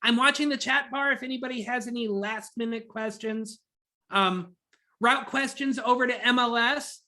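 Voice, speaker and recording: A man giving a rapid, enthusiastic webinar presentation over a video call, talking like an auctioneer. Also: very high voice, sharp tone. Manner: rapid, enthusiastic, self-described nerd. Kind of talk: fast-paced webinar presentation.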